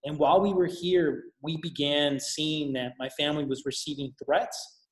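A young man who grew up in Colombia, a missionary talking casually as an interview guest, relaxed and rambling with plenty of fillers. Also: a little high, moderate pace, roomy sound.

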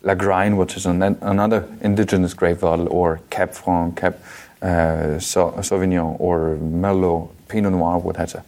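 Guest winemaker, man, South Tyrolean German accent, very low voice, halting delivery full of restarts. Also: little pitch movement, a little mellow. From South Tyrol, Italy. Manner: halting, with many fillers and restarts. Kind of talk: casual interview talk.

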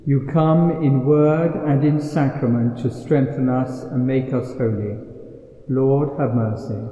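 A man speaking as a priest, leading solemn Mass prayers in a measured, formal way, with his voice echoing as in a cathedral. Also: medium pitch, mellow. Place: large church, indoors. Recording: echoey cathedral reverb, dull sound.

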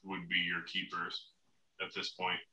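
A man's voice: deep voice, monotone, measured pace, pushed and bright, reverberant, distant mic, poor audio. A man co-hosting a casual sports podcast, chatting in an offhand way. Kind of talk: casual fantasy football chat.

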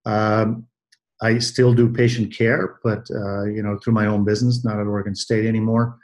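Brief: man in his sixties, from Belgium, low voice, unhurried, hesitant, restarting phrases often. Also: flat delivery, darkish tone. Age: 60s. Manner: measured, many hesitations and restarts. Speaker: guest, athletic trainer. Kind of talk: interview answers.

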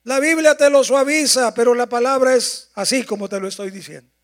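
A male pastor, preaching a sermon with drawn-out emphasis and loud passages. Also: very high-pitched.

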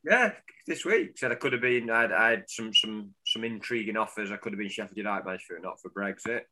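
A man's voice: lowish voice, fast talker, pushed and bright. A man co-hosting a football podcast, rambling and joking in casual chat. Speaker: podcast co-host. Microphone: remote call, cuts out.

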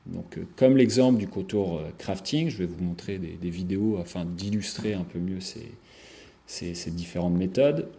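A man giving a recorded lecture over slides, speaking haltingly with frequent fillers and restarts. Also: deep voice, vocal fry, mellow, slight background noise. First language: French. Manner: hesitant, many fillers and restarts.

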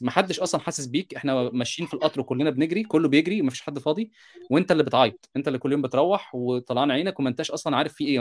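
A software developer in his thirties, speaking with an Egyptian Arabic accent, co-hosts a casual podcast. His voice sits at a medium pitch as he tells animated stories in rapid bursts, often breaking in with "you understand?" to check on his listeners.

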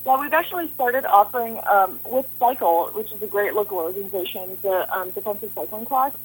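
A woman's voice: medium pitch, animated, brisk, slightly rough, low-quality recording. A woman guest on a radio show talking informally about a bike group's classes. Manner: informal, chatty, plain-spoken. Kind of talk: casual radio interview.

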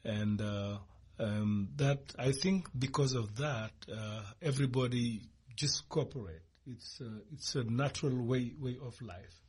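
A man from Senegal, a guest on a radio interview, speaking hesitantly with many pauses and restarts. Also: medium pitch, darkish tone, slightly rough. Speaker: guest, cooperative leader. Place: radio studio.

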